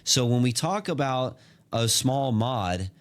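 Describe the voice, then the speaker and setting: A man giving casual, excited gameplay commentary, full of slang, fillers and restarts. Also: medium pitch, slow. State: hiccuping. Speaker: gaming content creator.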